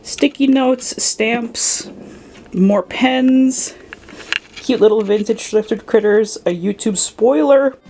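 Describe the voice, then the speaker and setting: Her voice on the high side yet dark in tone, a playful young Philadelphia collector takes it slowly while narrating a casual tour of her home sewing room and office. There's a little hiss or hum, and she makes affectionate, dry jokes about her toys.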